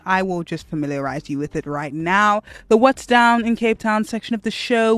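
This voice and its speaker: A woman's voice: lowish voice, no room sound. A woman with a South African accent presenting a radio show in a chatty style. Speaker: radio host.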